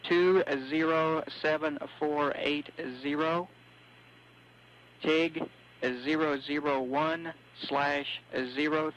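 A man calling a spacecraft crew from ground control, reading out technical data steadily over a radio link. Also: on the high side. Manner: steady, methodical reading of numbers. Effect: radio transmission sound. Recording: dull lo-fi radio audio with faint hum.

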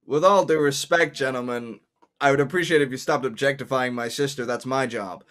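A man's voice: medium pitch, fairly quick, fairly bright tone, natural voice. A man voicing a prim sports interviewer and commentator, formal and politely exasperated. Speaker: host.

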